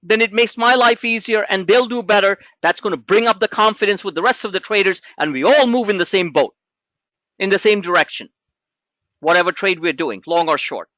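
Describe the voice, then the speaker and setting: A middle-aged man hosting a trading webinar, talking in an animated, pushy salesman patter as he walks through charts. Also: high-pitched, fairly quick, no echo, dull audio. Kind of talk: live trading webinar talk.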